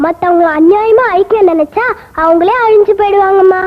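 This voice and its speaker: A woman playing a devout storyteller who tells a holy legend slowly and solemnly. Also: very high voice. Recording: dull lo-fi film soundtrack.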